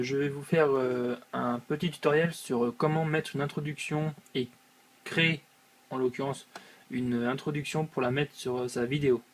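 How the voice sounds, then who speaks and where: A young man hosting his channel, walking viewers through a website step by step with many hesitant filler sounds. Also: mid-range voice. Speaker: channel host. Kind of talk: screen-recorded software tutorial.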